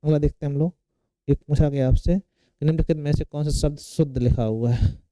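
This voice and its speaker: Male tutor, very dark and smooth voice, drills exam questions with repeated check-ins. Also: a little high, fairly even intonation, brisk, dry recording, poor audio. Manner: asks and answers his own questions, repeats key terms. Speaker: Hindi grammar teacher. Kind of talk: exam-prep lecture.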